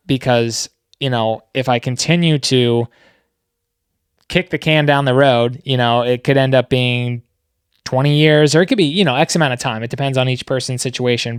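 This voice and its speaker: Smooth-voiced earnest podcast host man. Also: medium pitch, fairly even intonation, normal speed, no echo, clean studio sound. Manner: earnest, motivational. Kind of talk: casual podcast chat.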